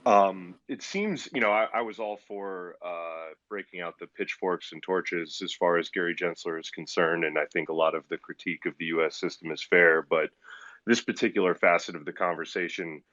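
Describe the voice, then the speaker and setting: Man, very low and bright-edged voice, polite articulate listener, dull dry lo-fi line. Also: steady tone, moderate pace, no echo. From United States. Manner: polite, articulate, slightly hesitant. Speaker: listener joining with a question. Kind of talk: casual discussion.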